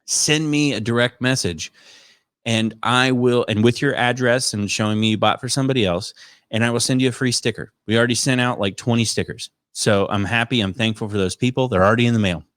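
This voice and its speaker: A man's voice: medium pitch, brisk, a bit bright, dry recording, studio quality. A man hosting a podcast in a rambling, self-deprecating, casual live-stream style. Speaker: podcast host.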